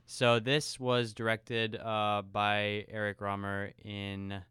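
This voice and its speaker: A man co-hosting a film podcast, talking in a relaxed, conversational way. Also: on the low side, slow, clear, resonant tone, no echo, studio quality. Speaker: podcast co-host. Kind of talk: casual film podcast chat.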